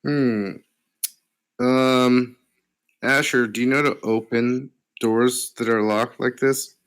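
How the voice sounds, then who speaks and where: A man playing in a tabletop game, asking quick, offhand questions in casual chat. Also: medium pitch, fairly even intonation, fairly bright tone, clean tone. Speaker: player.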